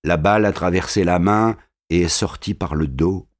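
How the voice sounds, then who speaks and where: A man's voice: normal speed, lightly acted. Man voicing a faint dying young woman. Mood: faint, trembling. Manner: soft, low and trembling.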